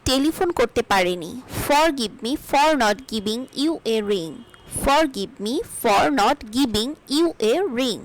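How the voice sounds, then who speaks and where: Lively, very slow-speaking woman teacher. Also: a little high, rough recording. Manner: reads each English sentence slowly and carefully, twice over. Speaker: English teacher. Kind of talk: spoken English lesson, reading sentences aloud.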